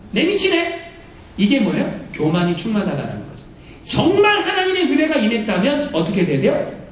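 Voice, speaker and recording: Lively pastor preaching in an echoey hall. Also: mid-range voice. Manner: lively, questions the congregation, acts out quoted voices. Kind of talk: sermon. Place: church sanctuary. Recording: very echoey hall, mic far off, faint noise.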